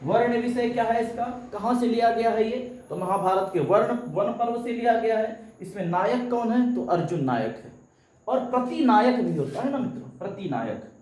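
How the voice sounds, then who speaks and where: A man's voice: high-pitched, expressive, moderate pace, darkish tone, echoey room, slight background noise, low-quality recording. A man teaching a live coaching lesson. He asks questions and answers them himself, and sometimes chants verses.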